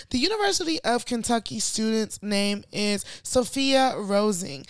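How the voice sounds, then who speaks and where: A woman with a Nigerian accent talks on a podcast in a relaxed, chatty way. Her voice sits a little high. The recording is dry and close. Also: dry recording. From Chicago. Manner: relaxed, chatty, drifts into storytelling. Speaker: podcast co-host. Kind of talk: casual chat.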